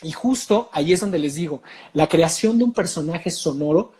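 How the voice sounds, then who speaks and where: A Mexican man coaching actors on voice explains his craft in a relaxed interview. His talk is lively and swings up and down in pitch, dotted with hesitant fillers. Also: normal speed. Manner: animated, explanatory, many "eh" fillers. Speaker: voice and accent coach, guest.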